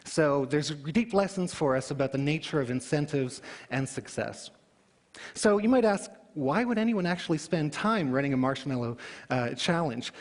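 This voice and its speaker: A man giving a public talk, telling it in an animated way with emphatic rhetorical questions. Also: fairly high pitch, moderate pace. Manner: animated storytelling, emphatic question-and-answer delivery. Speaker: conference speaker. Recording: hall reverb.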